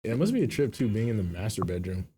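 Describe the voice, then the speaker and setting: Lively-voiced man hosting a casual ghost hunt. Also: fairly low pitch, fast, slightly rough. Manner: relaxed, chatty, leads the questions. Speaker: podcast co-host. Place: inside a house, in a bedroom.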